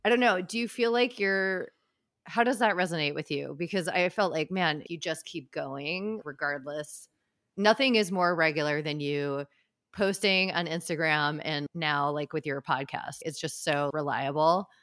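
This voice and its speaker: A woman co-hosting a podcast, chatting in a playful, animated, curious way. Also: sits low, normal speed, dry recording. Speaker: podcast co-host. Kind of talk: casual podcast chat.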